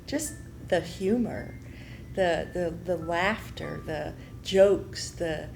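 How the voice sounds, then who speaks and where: A woman's voice: lowish voice, slow pace, gravelly, a little mellow, soft background music. A woman in an interview speaking cheerfully about the fun she shares with her daughter. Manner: cheerful, laughing.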